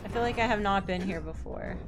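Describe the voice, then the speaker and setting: A woman live streams a video game, chatting casually and playfully in a cute, bubbly anime-streamer style, often breaking into sing-song repeats. Her voice is mid-range and brisk, with game music playing behind her.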